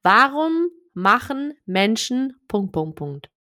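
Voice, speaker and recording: Blunt, quick-talking young-sounding woman. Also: a little high, very animated, pushed and bright. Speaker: podcast co-host. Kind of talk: casual chat while playing a guessing game.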